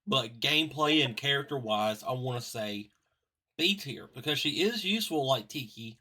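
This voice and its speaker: A man hosts a casual game-ranking stream from home, calling for votes in easygoing slang. His voice is bright and forceful, at an ordinary pitch for a man. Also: animated, normal speed. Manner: leads the votes, laid-back slang. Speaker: ranking host. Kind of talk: casual gaming chat.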